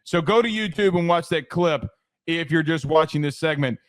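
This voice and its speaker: A man's voice: on the high side, normal speed. A man co-hosting a casual sports podcast, talking picks with frequent stammered restarts and turning to his partner by name. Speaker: podcast co-host.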